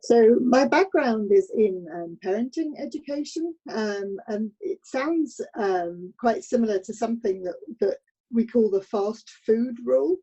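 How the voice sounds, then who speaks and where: Woman participant, husky and mellow voice, a little high, hesitant and thoughtful. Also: expressive, a little slow, lo-fi sound. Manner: hesitant, many fillers. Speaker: participant with parenting education background. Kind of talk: sharing experience in a meeting.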